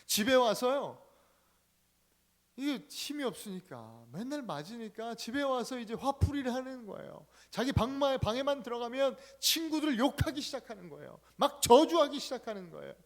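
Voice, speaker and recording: A man's voice: very high voice, very animated, normal speed. Emphatic male Korean church pastor. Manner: emphatic storytelling with sharp swings in loudness. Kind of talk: sermon.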